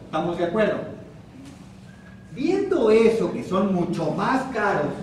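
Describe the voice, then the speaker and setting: A man with a Mexican Spanish accent giving a psychoeducation lecture as a psychiatrist, questioning the audience and repeating key terms slowly. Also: high-pitched, very animated, a little mellow, a little hiss or hum. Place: hospital lecture room. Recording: very echoey room from far off.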